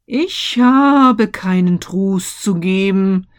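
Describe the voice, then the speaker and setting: A woman voicing the mournful ghost of a dead businessman, speaking solemn, slow warnings. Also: medium pitch.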